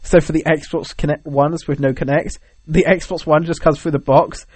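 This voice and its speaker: Speaking at normal speed with little pitch movement, this young Brit has a slightly high, slightly mellow voice with a breathy edge, recorded without echo. He co-hosts a podcast and chats casually, meandering, hesitating, and joking.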